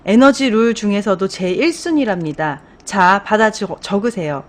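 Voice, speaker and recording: An upbeat, wise woman bus driver, earnest and encouraging as she hands out firm advice, voiced by a woman reading a storybook aloud. Her pitch sits in a plain middle range. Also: lively intonation, normal speed, lightly acted.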